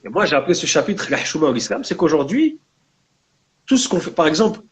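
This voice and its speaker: This guest, a book author, talks in a quick, sing-song voice pitched on the high side. Born in France to a Maghrebi family, the young man has a French Maghrebi urban accent and blends Arabic religious vocabulary with street slang as he chats casually in a discussion.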